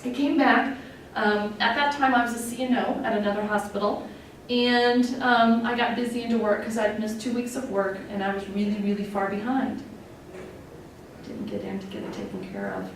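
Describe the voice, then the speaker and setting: At medium pitch and normal speed, a woman in her forties from Wyoming, USA, tells her own story as a nurse executive. She's candid and conversational, leaning on fillers and expressing emotion openly. The mic sits far away in an echoey room, with faint noise.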